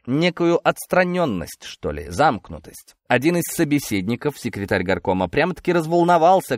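A man narrating an audiobook in a measured, expressive storytelling manner. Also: medium pitch, dry recording, studio quality. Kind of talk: scripted narration.

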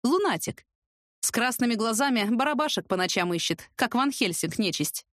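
A man's voice: very high voice, lively intonation, moderate pace, fairly bright tone, no room sound, clean studio sound. A woman reading a cocky young man who mocks and teases in a lazy drawl, in a storybook voice. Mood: mocking. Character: cocky young man, smug teasing charmer.

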